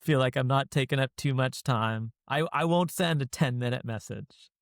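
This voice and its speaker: A man hosting a podcast, speaking in a measured way and laying out his ideas step by step. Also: mid-range voice, no echo, clean studio sound. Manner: measured, explains in orderly steps. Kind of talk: casual conversation.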